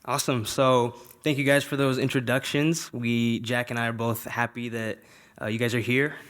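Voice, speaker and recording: A man's voice: medium pitch, level tone, moderate pace, a bit bright, clear, resonant tone. A man moderating a student panel, thanking the speakers and asking plain questions.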